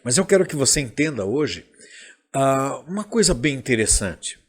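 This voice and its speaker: A man with a Brazilian Portuguese accent preaching a sermon as pastor, slow and emphatic, with a husky voice. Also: mid-range voice, big pitch swings.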